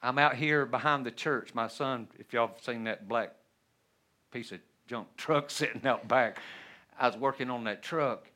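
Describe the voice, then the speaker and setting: A middle-aged man preaching a sermon in a church, folksy and humorous, swinging between loud bursts and hushed asides. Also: mid-range voice, a little slow. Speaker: pastor. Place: church sanctuary.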